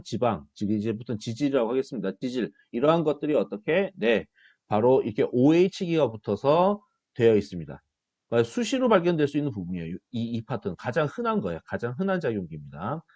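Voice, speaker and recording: A middle-aged male professor talks through a recorded biology lecture with a lively voice that rises and dips from phrase to phrase. He poses questions to his students and answers them himself. The sound is dry and slightly dull, close to the mic with no room echo. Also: mid-range voice, a little fast. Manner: animated, self-deprecating asides, asks students questions and answers himself.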